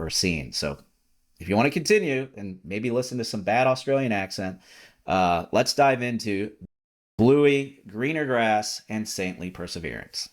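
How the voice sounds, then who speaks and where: A man with a fairly low voice hosts a podcast in a relaxed, talkative way. He rambles along in casual chat, stacking up fillers and repeating his words as he goes. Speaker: podcast host.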